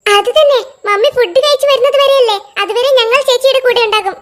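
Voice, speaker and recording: A voice actor playing a crowd of young cartoon schoolkids who chatter and squabble back and forth in a lively animated comedy. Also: very high voice, fast talker. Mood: sympathetic. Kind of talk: cartoon voice acting.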